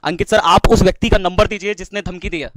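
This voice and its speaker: A man teaching at a coaching class who speaks to students in an emotional appeal, pleading again and again and rising into loud, fervent declarations. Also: high-pitched, fairly even intonation, fast talker, slight background noise. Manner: pleading, with folded-hands requests.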